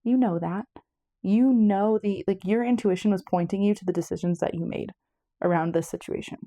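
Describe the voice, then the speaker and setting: This tarot reader speaks at medium pitch with a steady, warm tone and a moderate pace, chatting her way through a casual pick-a-card reading. Meandering and self-correcting, she's a little out of breath. The audio is dry and studio-clean.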